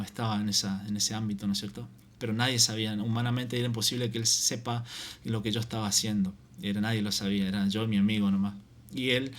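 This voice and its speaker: A man gives his personal faith testimony, halting and restarting often and tagging his sentences with a repeated question. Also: fairly low pitch, a bit bright.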